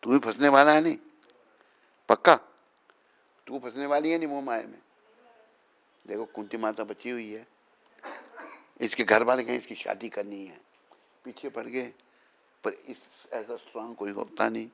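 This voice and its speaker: Gravelly-voiced swami teasing his listeners. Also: mid-range voice, fairly even intonation, normal speed, pauses often, fairly bright tone. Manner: teasing, chatty, keeps asking the listeners if he is right. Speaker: swami giving a morning talk. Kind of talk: informal spiritual talk with devotees.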